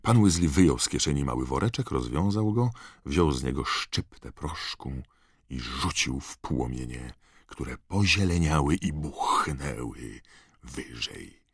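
A man narrating an audiobook in expressive storytelling style. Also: a bass voice, unhurried, breathy edge, no echo, clean studio sound. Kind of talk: scripted narration.

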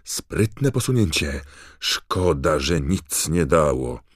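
A man doing a shouting excitable commentator. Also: very deep voice, slow pace, husky, no room sound, studio quality, voice pushed up, exaggerated voice. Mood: excited. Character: excitable male sports commentator, loud and breathless. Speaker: match commentator.

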